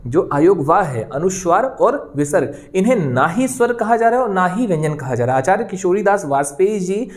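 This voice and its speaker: A man's voice: high voice, big pitch swings, moderate pace, hardly any pauses. A man teaching an exam-prep grammar lesson. He explains step by step in a reassuring way and keeps checking that his students are following. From India. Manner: reassuring, repeats "okay" and "friends" often.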